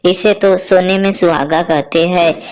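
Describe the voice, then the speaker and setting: A woman voicing a dutiful, excitable young daughter-in-law in a cartoon story, chatty and exclaiming. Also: on the low side, unhurried, lightly acted.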